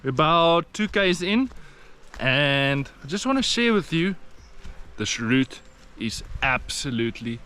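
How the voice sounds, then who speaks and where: An Afrikaans-accented man from South Africa narrates his hiking vlog on a rainforest trail in a high-ish voice that is animated, pushed and bright yet smooth, moving a little slowly. He stays casual, plain and encouraging, with plenty of fillers.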